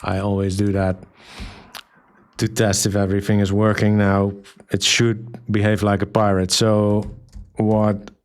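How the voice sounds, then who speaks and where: A man presenting a software tutorial in a relaxed, hesitant way, with many ums and restarts, reading aloud what he types. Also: lowish voice, measured pace, clear, resonant tone. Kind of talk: screen-recorded software tutorial.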